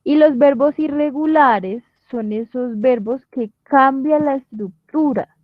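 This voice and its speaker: A woman's voice: high-pitched, takes it slowly, dry recording, phone-quality sound. A woman teacher, patiently explaining step by step in an online class and often checking that students follow. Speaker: English teacher. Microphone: computer mic on video call.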